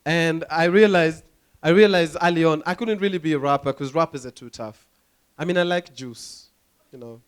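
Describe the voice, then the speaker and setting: Young Kenyan man, Kenyan accent, stand-up comedy set, high voice, animated, acts out voices, laughs at own jokes. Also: moderate pace, clean tone. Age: young adult. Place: comedy club stage.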